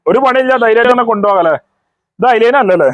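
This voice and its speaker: A man with a Kerala accent hosting a used-car video, asking brisk prompting questions and repeating answers to confirm them. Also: high-pitched, lively intonation, no echo, dull audio. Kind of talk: unscripted on-camera car walkaround with quick questions.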